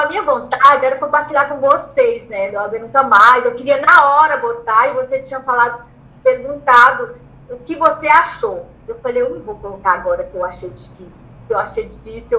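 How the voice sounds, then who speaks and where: A Brazilian woman with a high, bright voice tells her own story in an interview. She talks excitedly, repeats phrases and acts out what she once shouted. The room gives her voice a noticeable echo. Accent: Brazilian Portuguese. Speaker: interviewee, law graduate who passed the bar exam. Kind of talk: emotional personal storytelling.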